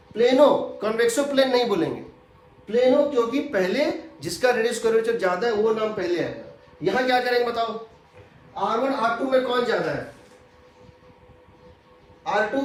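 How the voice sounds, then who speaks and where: A male physics teacher lectures, repeating each key point so it sticks. His voice sits high. The classroom is strongly echoey. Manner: explains step by step, repeats key points, mixes Hindi with English terms. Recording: very echoey room.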